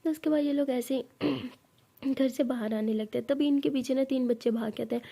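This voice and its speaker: Chatty woman storyteller, high voice. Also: steady tone, fairly quick, gravelly, dark tone. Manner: chatty, with asides to the listener. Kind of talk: casual storytelling narration.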